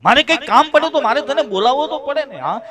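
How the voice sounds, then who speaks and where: A man's voice: very high-pitched, lively intonation, fast, sharp tone, voice pushed up, full character voice. A man voicing a frail, humble old village father who talks in a simple, pleading way.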